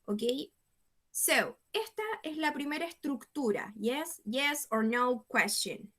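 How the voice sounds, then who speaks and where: A woman's voice: sits high, expressive, takes it slowly, fairly bright tone. A woman teaching an English class. She explains patiently and repeats herself, checking in with a questioning "yes?" after nearly every phrase.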